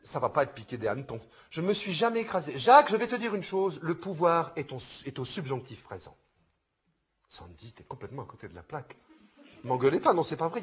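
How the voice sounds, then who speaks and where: A man's voice: fairly high pitch, breathy edge. A man reading short comic plays aloud, taking on every part himself and switching between character voices.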